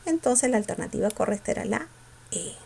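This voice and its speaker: A woman teacher going over exam questions, asking her students quick questions and answering them herself. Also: mid-range voice, animated, vocal fry, dark tone, breathy edge. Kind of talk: exam review lesson.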